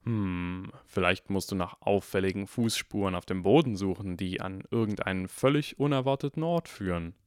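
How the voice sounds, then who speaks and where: A man reading an audiobook and voicing a calm, wry father with a measured delivery. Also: sits low, no echo, clean studio sound, natural voice. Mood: dry. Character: dry, worried father of a boy.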